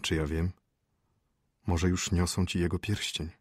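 A grave old court physician, sorrowful and quiet, his words soft and close to a whisper, as a male narrator puts him on. The voice is low and husky, with a dry, intimate sound. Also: level tone, measured pace, no room sound.

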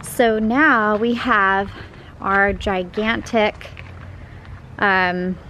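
A young woman strolls through her backyard garden and talks into a handheld camera, chatty and easygoing. Her delivery is slow and unhurried at a middle pitch. Clear outdoor background noise runs under her voice. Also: fairly bright tone, poor audio. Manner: chatty and enthusiastic, pointing things out as she walks. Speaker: home gardener giving a garden tour. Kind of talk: casual garden tour vlog. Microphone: handheld camera, filming while walking.

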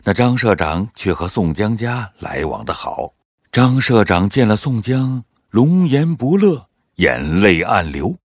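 A man narrating a classic story in a measured, expressive way. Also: lowish voice, breathy edge, no echo, studio quality.

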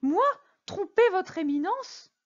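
A timid middle-aged shopkeeper, played by a woman reader stammers in a high, anxious voice, always fawning. The recording sounds dull and lo-fi. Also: lively intonation, normal speed. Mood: panicked. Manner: stammering, anxious and eager to please.

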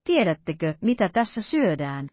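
A woman's voice: fairly low pitch, very animated, dry recording, dull audio. A woman reading the part of a grave, dry-witted male musketeer who speaks weightily. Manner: weighty, deliberate.

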